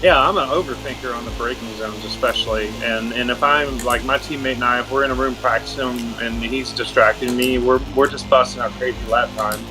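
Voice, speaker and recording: A man from Cincinnati chatting casually about sim racing in a relaxed, rambling way. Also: mid-range voice, fairly quick, few pauses, low-quality recording. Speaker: fellow sim racer. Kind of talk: casual chat.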